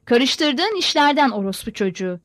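A woman's voice: sits high, sing-song, normal speed, a bit bright, no echo, clean studio sound. A woman reader voicing a raging, cursing old Cossack father who roars threats at his son. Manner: roaring, cursing.

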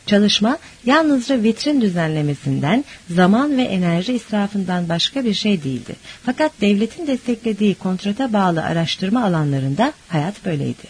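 Audiobook reader, husky tone, lively pitch, measured and reflective. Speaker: audiobook narrator. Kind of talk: scripted first-person narration.

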